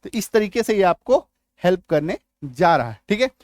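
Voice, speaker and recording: Male English tutor, high voice, dry close sound, drags out example words, keeps checking students follow. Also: very animated, darkish tone, no echo. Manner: repeats checks like "आ रही बात समझ में?"; stretches out example words slowly. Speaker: English teacher. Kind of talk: spelling lesson.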